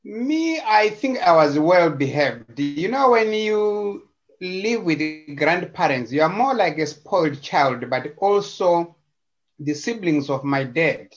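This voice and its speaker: A man's voice: sits high, lively intonation, takes it slowly. A man from Zimbabwe, a guest on a video call, talking in a casual, hesitant way with many repetitions and fillers. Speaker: interview guest. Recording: slightly dull video-call audio.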